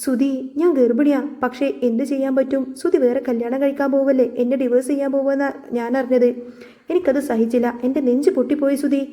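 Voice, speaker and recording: A woman's voice: sits high, fairly even intonation, quick pace, warm tone, close to an everyday voice. A woman voicing a scheming young wife in a storybook retelling, who puts on sobbing and weariness. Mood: fake tearful. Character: scheming young wife faking tearful distress.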